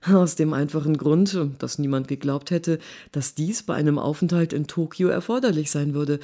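A woman author giving a lively, expressive reading from her novel at a live stage event. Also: deep voice, moderate pace.

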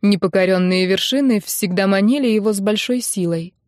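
A woman's voice: medium pitch, fairly quick, a little mellow, dry recording, clean studio sound. Woman narrating an audiobook. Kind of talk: scripted narration.

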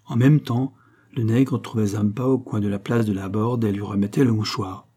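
Male audiobook narrator, measured, dramatic, low pitch, dark husky voice. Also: fairly even intonation.

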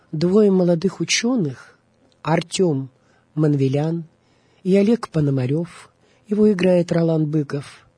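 A woman with a husky, mellow voice on the lower side narrates a scripted radio documentary about film and theatre.

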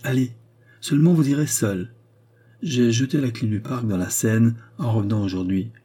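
A man reading an audiobook voices a shrewd, scheming countess who speaks in a sharp, peremptory, blunt way. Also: medium pitch, normal speed, breathy edge, lightly acted. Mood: commanding.

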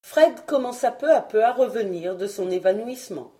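Lively French woman reading a novel. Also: a little high, normal speed. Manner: expressive first-person narration. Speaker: audiobook reader.

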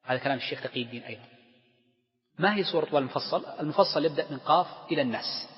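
A man's voice: a little high, rapid-fire. A man, a scholar, teaching a lecture on Islamic law, explaining step by step and putting rhetorical questions to his class. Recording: dull lo-fi recording with long hall reverb.

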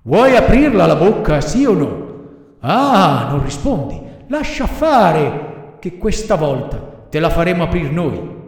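A man's voice: fairly high pitch, very animated, slow pace, darkish tone, very echoey, in a large hall, voice pushed up, heavily acted. A man doing menacing cutthroat robbers. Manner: grumbling threats. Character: two menacing cutthroat men, threatening.

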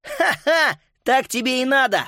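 A cheeky young schoolboy who takes charge, eager and commanding, as a man reads him out in a storybook. His voice sits fairly high and sounds dry and close. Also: lively intonation, slow, fairly bright tone, no echo, heavily acted. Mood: gloating. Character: bold cheeky schoolboy ringleader.

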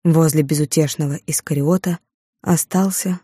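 A woman reads an audiobook in a measured, dramatic manner. Her voice sits low and dark, and the studio sound is dry and close. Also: steady tone, husky, no room sound. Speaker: audiobook narrator. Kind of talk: scripted narration. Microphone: studio microphone.

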